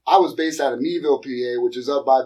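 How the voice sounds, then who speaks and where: A man's voice: mid-range voice, quick pace, mellow, far from the mic, poor audio. A middle-aged man from Pennsylvania telling stories in casual chat, slangy and profane. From Erie, Pennsylvania. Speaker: podcast guest, comedian.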